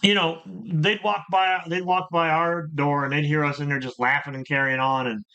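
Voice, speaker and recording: A man's voice: on the high side, flat delivery, normal speed, pushed and bright, smooth, highs cut off. A middle-aged man hosting a casual chat about his gaming past, rambling and repeating words as he tells stories. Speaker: channel host.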